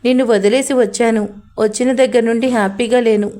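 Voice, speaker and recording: A grieving young man, devoted to his love, as a woman narrator puts him on. He speaks softly and tenderly, close to pleading. His voice sits a little high, and it belongs to a spoken love story. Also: steady tone, brisk, close to an everyday voice.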